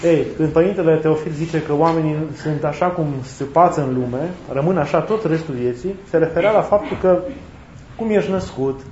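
A man preaching a sermon in a reflective way, often repeating and rephrasing his points, with touches of gentle humor. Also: fairly high pitch, slight background noise. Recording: roomy, slightly dull recording with faint ambience.

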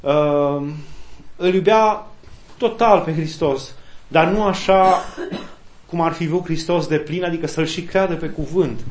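A man preaching a sermon, reflective and deliberate, breaking into lively quoted voices now and then. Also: a little high, a little hiss or hum. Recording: echoey room.

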